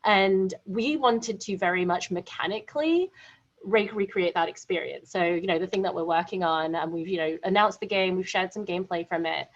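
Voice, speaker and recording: Woman, studio founder, lively panel speaker, dull lo-fi sound. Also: lowish voice, moderate pace. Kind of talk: panel discussion. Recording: muffled lo-fi audio.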